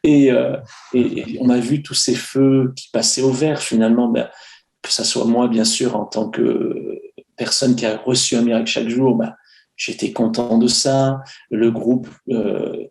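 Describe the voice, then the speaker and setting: Gravelly-voiced French man, hesitant. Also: medium pitch, little pitch movement, measured pace, a little mellow. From France. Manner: hesitant, many fillers and restarts. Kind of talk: casual conversational sharing. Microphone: video call.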